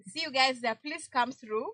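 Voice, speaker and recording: Young Kenyan woman, radio co-host; high-ish, husky, chatty banter. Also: takes it slowly, bright, forceful tone, dry recording, poor audio. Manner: chatty, mixes English and Swahili slang. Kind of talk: casual radio chat. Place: radio studio.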